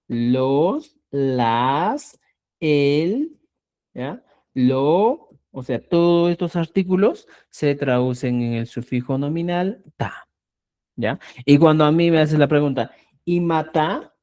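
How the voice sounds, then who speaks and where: A woman teaching a live online language lesson. She explains patiently, repeats example words slowly and keeps checking in with her students. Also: low-pitched, a little mellow.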